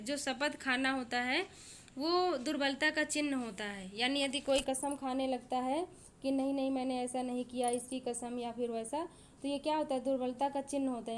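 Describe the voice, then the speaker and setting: A woman teacher works through a classic Hindi poem line by line, reading each verse aloud and then paraphrasing it in plain words with many fillers. Her voice is high, with slight background noise.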